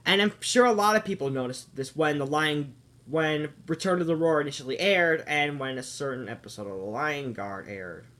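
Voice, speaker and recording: A man with a high voice talks through a casual review of a cartoon. He rambles and keeps stopping mid-sentence to correct himself. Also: expressive, normal speed, a bit bright. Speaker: video reviewer.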